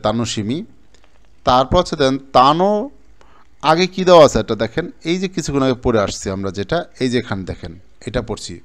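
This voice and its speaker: Male teacher from Bangladesh, mid-pitched, casual, repetitive classroom explaining. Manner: repetitive explaining, points at the board, mixes in English terms. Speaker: Japanese language teacher. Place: training center classroom.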